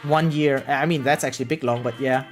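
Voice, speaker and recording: A young adult live streamer chats casually with viewers, reading out and answering their comments. The mid-range voice holds a steady tone at a quick pace, rambling and repeating words, informal and sweary, often putting themself down. Background music plays underneath.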